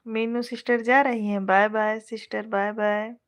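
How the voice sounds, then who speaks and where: A woman's voice: on the high side, level tone, normal speed, clear, resonant tone. A woman with an Awadhi accent, a folk singer hosting a live stream, chatting casually and affectionately with viewers, greeting and thanking them by name. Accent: Awadhi Hindi.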